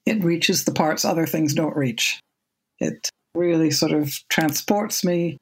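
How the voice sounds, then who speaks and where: A woman in her seventies with a low, breathy-edged voice speaks as a guest in a casual podcast interview. She is measured and thoughtful, often repeating a word as she restarts a sentence.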